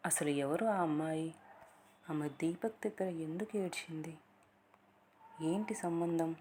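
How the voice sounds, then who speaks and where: A woman narrating a love story in the first person, reading softly and slowly and slipping into a whisper at times. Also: on the low side, a little hiss or hum. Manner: soft, slow, partly whispered reading.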